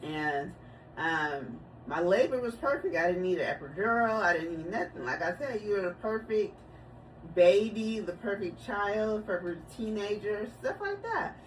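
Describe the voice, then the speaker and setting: A vlogger in her forties chats casually about her family on her video channel, telling stories and laughing easily. Her mid-range voice is expressive and measured in pace, picked up by a distant mic in a noisy room.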